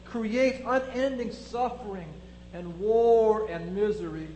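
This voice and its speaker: A man's voice: high-pitched, slow, dark tone, reverberant, slight background noise, rough recording. A man preaching a sermon, building his point through strings of rhetorical questions.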